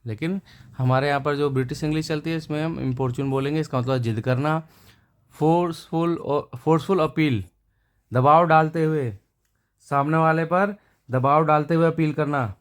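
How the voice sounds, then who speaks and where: A man teaching English vocabulary, repeating each word before giving its meaning and synonyms. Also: on the high side. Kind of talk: explaining words and synonyms to viewers.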